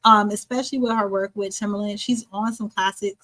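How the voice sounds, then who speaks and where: Animated woman podcast co-host. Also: mid-range voice, brisk, dry recording, low-quality recording. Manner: animated, emphatic, repeats herself. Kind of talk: casual chat.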